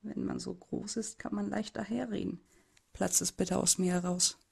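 Woman voicing a timid, husky teenage boy narrator. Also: fairly low pitch, steady tone, moderate pace, darkish tone, full character voice. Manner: hesitant, subdued first-person narration. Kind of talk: amateur audio drama narration.

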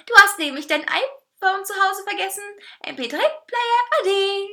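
A woman's voice: very high voice, lively intonation, unhurried, bright, forceful tone, voice pushed up, exaggerated voice. A woman voicing a cocky male talking cake, a whiny diva who teases and bosses. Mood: teasing. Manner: teasing, whining and bossy.

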